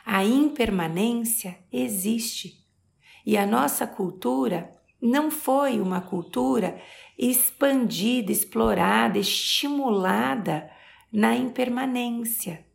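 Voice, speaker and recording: A woman's voice: a little high, takes it slowly, gravelly. A Brazilian woman in her forties hosting a motivational podcast, talking expressively and stretching key words for emphasis. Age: 40s. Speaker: podcast host.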